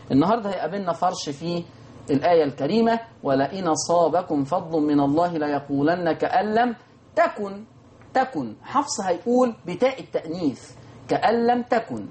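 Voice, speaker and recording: Fast-talking Egyptian sheikh teaching recitation. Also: male voice, on the high side, a little hiss or hum. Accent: Egyptian Arabic. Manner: lively teaching, answers imagined student questions, chants verses slowly. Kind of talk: televised recitation lesson.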